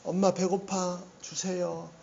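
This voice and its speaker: A man's voice: sits high, level tone, slow pace, creaky, mellow, lo-fi sound, full character voice. Whiny hungry little kid, put on by a man. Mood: whining. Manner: whiny, pleading. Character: whining hungry little child begging mother.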